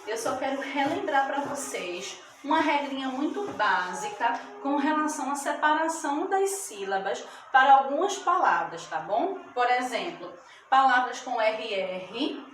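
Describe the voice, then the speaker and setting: A woman's voice: sits high, fairly bright tone. A woman teacher giving a lesson to children, stretching out words syllable by syllable and often checking that they follow. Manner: slow, drawn-out syllables, checks in with "tá bom?". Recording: echoey room, mic at a distance, background noise.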